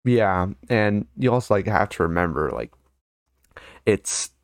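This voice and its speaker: A young man co-hosting a podcast in casual chat, relaxed and slangy, dropping "bro" and "dude.". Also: on the low side, measured pace, no room sound, clean studio sound. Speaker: podcast co-host.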